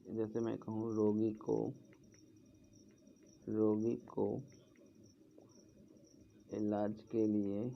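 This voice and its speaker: Male tutor, gravelly and monotone, slow drilling delivery, muffled home recording with faint background. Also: lowish voice, a little hiss or hum. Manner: slow, repeating words while writing on a board. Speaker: English teacher. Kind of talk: explaining English grammar in Hindi. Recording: dull lo-fi sound, faint background.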